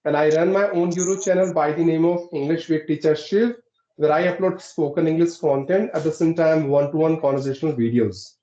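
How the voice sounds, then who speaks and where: A man's voice: fairly high pitch, steady tone, brisk, dark tone. A man from Uttarakhand, India who hosts an English-teaching channel, explaining politely in a conversation practice call. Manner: polite, explaining, frequent "right?". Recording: echoey, dull lo-fi sound.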